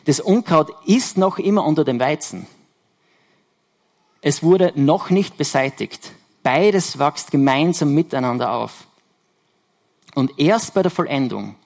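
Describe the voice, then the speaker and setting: A man's voice: fairly high pitch, lively intonation, measured pace, gravelly, long pauses. A man preaching a sermon to his congregation, explaining scripture step by step and correcting himself as he goes. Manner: explanatory, self-correcting, emphatic repetitions.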